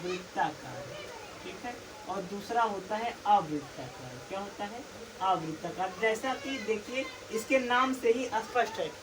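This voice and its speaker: A woman's voice: medium pitch, animated, a little slow, crowd noise. A woman teaching a lesson who keeps asking a question and then answering it herself, repeating each key term. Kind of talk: recorded classroom lesson. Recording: distant mic with faint background noise.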